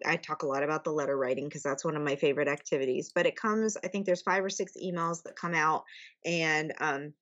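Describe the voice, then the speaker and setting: A woman's voice: low-pitched, highs cut off. A woman guest on a podcast, chatting casually, laughing often and using lots of fillers. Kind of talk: casual interview chat.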